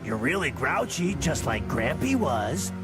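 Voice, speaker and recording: A cheeky, clownish video game antihero. His highish voice leaps all over the place in mock-innocent teasing, with music playing behind. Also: very animated, a little slow. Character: goofy, childish, cheeky male comic antihero.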